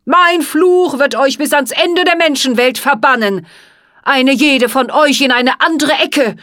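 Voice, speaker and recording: A woman reading a storybook aloud and voicing a furious male ice wizard who rages in a loud, cutting voice. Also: sits high, unhurried, dry recording, studio quality, voice pushed up. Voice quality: cutting, shouting.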